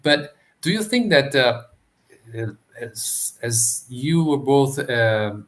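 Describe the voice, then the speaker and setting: A man hosting an interview, asking long questions in a halting way as he searches for words. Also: medium pitch, lively intonation. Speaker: host. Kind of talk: interview conversation.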